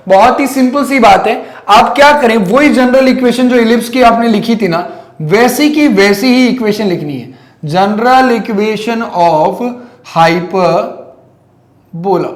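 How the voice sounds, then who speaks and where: High-voiced man teaching in an echoey room. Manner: keeps checking if students follow; mixes English math terms into his talk. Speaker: physics teacher. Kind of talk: classroom lecture.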